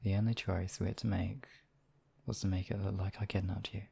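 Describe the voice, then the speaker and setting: Voicing a demon king devoted to his beloved, a man uses a soft, dark timbre heavy with gravelly creak, pitched low with little movement and a brisk delivery. It's a full character voice in a romantic ASMR roleplay, intimate and courteous with a playful, teasing edge and a reassuring mood.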